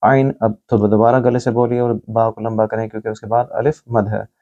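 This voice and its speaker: Slow-reciting male tajweed teacher. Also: lowish voice, flat delivery, phone-quality sound. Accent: Pakistani Urdu. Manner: patient, explains letter by letter, recites phrases slowly.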